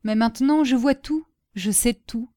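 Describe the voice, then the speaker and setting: A man who has sold his soul, icy and mocking, speaks with calm menace in a spoken storybook. A woman reads him, keeping her voice mellow and warm but flat with contempt. Nothing rattles him. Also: a little high, moderate pace, no echo, studio quality, pitched above the performer's own voice, lightly acted. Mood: cold menace. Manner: cold, cutting, sneering. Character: demonic male cashier, cold and scornful. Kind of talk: audiobook character reading.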